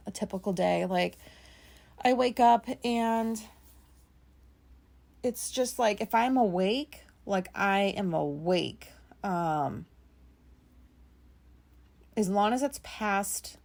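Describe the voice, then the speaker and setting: On her solo podcast, a woman in her thirties rambles in a relaxed way, using lots of filler words and the occasional swear. She has a raspy, medium-pitched voice with a darkish tone.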